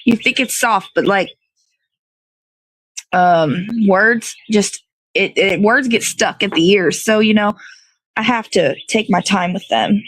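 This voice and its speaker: An online morning show host wanders through relaxed livestream chatter outside in the cold, thinking as she talks. Her medium-pitched voice takes it slowly, leaving long pauses. There's no room sound, and the audio is poor.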